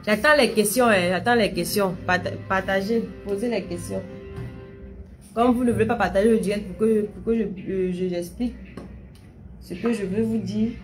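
Young woman chatting on her live stream, bit of a stammer, keeps repeating stuff to viewers, music going loud behind her. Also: mid-range voice, fairly even intonation, moderate pace. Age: young adult. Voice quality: slight stammer she says has eased. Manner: chatty, addresses viewers directly, repeats phrases. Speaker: livestream host answering viewers. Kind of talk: casual live-stream chat.

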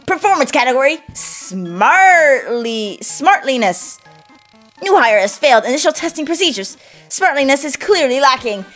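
A woman voicing a formal office computer in a put-on robot voice, announcing results flatly. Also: high voice, moderate pace, soft background music. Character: beeping office computer, sexless, coldly formal.

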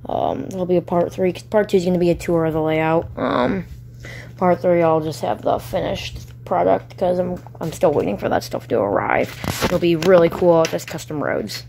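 A woman's voice: on the low side, normal speed, creaky, a little mellow. A woman hosting a hobby video, chatting casually at home in a rambling, giggly way with many fillers. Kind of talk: casual chat while working on a hobby. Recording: noticeable background noise.

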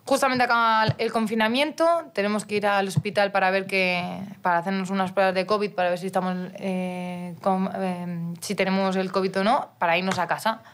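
A woman's voice: medium pitch, level tone, a little fast, hardly any pauses. A young woman from Mallorca, a guest on a podcast, telling a personal story in casual chat with frequent restarts and quoted dialogue. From Mallorca, Spain. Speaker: guest, professional footballer.

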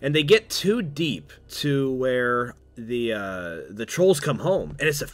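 A man's voice: medium pitch, very animated, slow pace, dry recording. A young man chatting as a podcast guest, recapping a film in a rambling way with many restarts and frequent laughter. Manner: rambling, full of fillers and restarts, laughs often. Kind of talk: casual movie recap chat.

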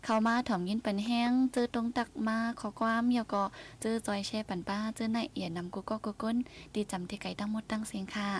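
A woman hosts a casual radio talk show and addresses listeners directly. She talks fast and briskly in a mid-range voice. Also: medium pitch, steady tone. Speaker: radio host.

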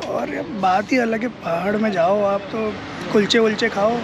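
A travel vlogger with a high, steady voice chats and jokes a little slowly while filming a casual family road trip, laughing often. Background noise is audible as he moves between a roadside stall, the car and the family home.

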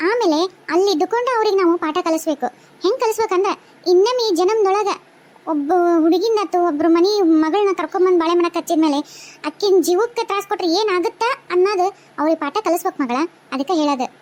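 A woman voicing an older ghost mother in a cartoon, calmly advising in a North Karnataka Kannada accent. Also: very high-pitched, fast. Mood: soothing. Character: kindly older female ghost mother, soothing.

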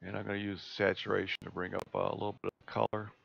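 A man presenting a live screen-share tutorial on a video call, talking in a relaxed, halting way with many fillers and restarts. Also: on the low side, gravelly, dry recording. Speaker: astronomy club presenter. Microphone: computer mic on a video call. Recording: dull lo-fi video call audio.

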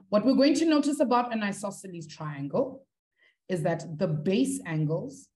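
A woman's voice: fairly low pitch, mellow. A woman teaching a live online maths lesson, encouraging her students and reading their answers from the chat.

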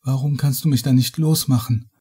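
A terrified young woman begs and pleads in a frantic, raised voice, as a man reading a horror audiobook puts her on. The tone is husky and strained. It sounds like a dark horror reading. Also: medium pitch, steady tone, brisk, voice pushed up, lightly acted. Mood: anxious.

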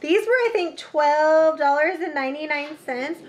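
Woman, 30s, high voice, excitable home vlogger, kitchen, faint noise. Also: measured pace. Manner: chatty and excitable, with sudden squeals. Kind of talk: casual grocery haul chat.

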